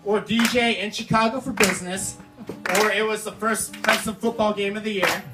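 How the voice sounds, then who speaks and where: A man's voice: high voice, steady tone, moderate pace. A young man giving a playful best man's wedding toast, switching between speech and comic sung verses. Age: young adult. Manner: playful, performing to the guests. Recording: distant mic, loud music behind.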